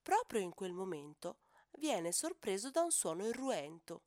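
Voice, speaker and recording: A woman reads a rhyming storybook for children aloud. Her pitch swings widely as she rolls through the rhymes in a lively, sing-song manner. The recording is close and dry. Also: unhurried, no echo.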